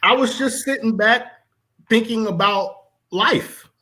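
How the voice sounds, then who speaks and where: Bright-voiced male podcast host. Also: high-pitched, slow, a little hiss or hum. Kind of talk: casual sports podcast chat.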